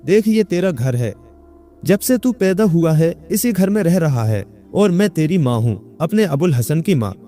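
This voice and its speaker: Figure: man doing a worried elderly mother, coaxing and soft, storybook reading. Pitch raised, mellow tone. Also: big pitch swings, faint music behind. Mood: pleading. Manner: pleading, coaxing. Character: old mother, worried and pleading.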